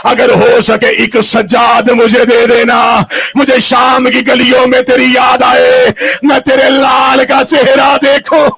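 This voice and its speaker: A man's voice: high voice, steady tone, measured pace, faint music behind. A man voicing a grieving noble woman who pleads with her brother, weeping and rising into wailing, sung cries.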